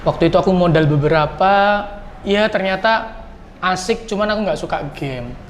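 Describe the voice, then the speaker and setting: A man hosting a podcast, telling stories in an animated, repetitive way. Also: sits high, normal speed. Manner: animated storyteller, repeats words. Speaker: podcast host. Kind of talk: casual chat. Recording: echoey room with light noise.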